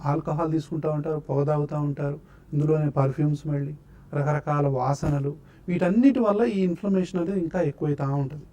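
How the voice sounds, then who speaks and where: A man's voice: fairly high pitch, steady tone, fairly quick, mellow, highs cut off. A man speaking as a doctor on a TV health show, patiently explaining causes and treatments one after another. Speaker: doctor answering health questions.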